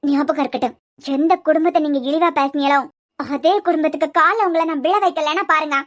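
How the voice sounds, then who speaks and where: A woman's voice: sits high, fairly even intonation, quick pace, fairly bright tone. A woman voicing a proud young wife in a cartoon series who fiercely defends her family, lecturing and defiant, with a Kanyakumari Tamil accent. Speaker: cartoon character. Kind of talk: cartoon web series dialogue.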